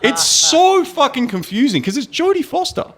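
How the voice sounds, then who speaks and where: Dude on a podcast ranting about a tv show, swears a lot, laughs thru it, lively. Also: male voice, extremely high pitch, moderate pace, creaky. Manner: animated, swearing, laughing storyteller. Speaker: podcast co-host. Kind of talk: casual chat.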